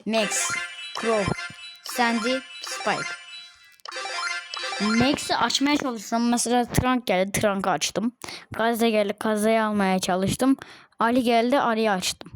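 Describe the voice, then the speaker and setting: Slow, chatty woman with game music. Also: on the high side. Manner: chatty, yells at teammates mid-match. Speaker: gaming video creator. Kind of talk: casual gameplay commentary. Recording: game music clearly behind voice.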